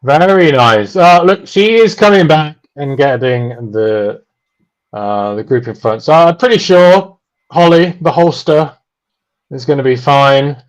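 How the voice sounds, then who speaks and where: A man giving relaxed, dry, chatty live commentary on a race, with many pauses and "um"s. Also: fairly high pitch, poor audio. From United Kingdom.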